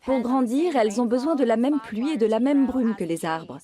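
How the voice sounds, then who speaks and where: A woman biologist giving a clear, explanatory account of her work. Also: fairly high pitch, lively intonation, normal speed, dark tone.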